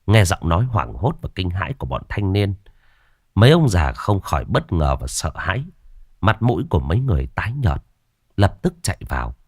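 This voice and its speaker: A man narrating a ghost story in a dramatic, expressive way, voicing every character himself. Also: sits low, a little fast, husky, no room sound. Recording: dry voice over faint music. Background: faint background music.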